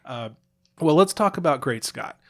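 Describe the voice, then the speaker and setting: A man's voice: fairly high pitch, lively intonation, normal speed. Chatty man co-hosting a podcast. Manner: chatty, explaining at length with fillers and restarts. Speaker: podcast co-host. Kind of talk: casual chat.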